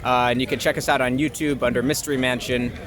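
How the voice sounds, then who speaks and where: A young adult man from Long Island, New York, an actor and improviser, jokes around in slangy, informal talk during a street interview outdoors. His mid-range voice is a bit bright, fairly flat in pitch, and quick, with traffic noise from the city street behind him.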